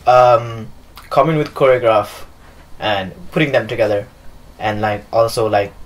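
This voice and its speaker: In a rough recording, a young man from Nepal who dances and choreographs gives loose, filler-heavy interview answers from a living room furnished with leather sofas. His medium-pitched voice is unhurried.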